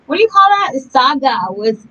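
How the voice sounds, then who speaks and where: A woman's voice: high-pitched, sing-song, normal speed, bright, forceful tone. A young woman chatting casually and playfully to herself and her dog during a live stream while she practices a song at home. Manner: slangy, playful. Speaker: livestreamer learning a song. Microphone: phone or laptop mic for a live stream. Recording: dull lo-fi live-stream audio. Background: faint ukulele plucking.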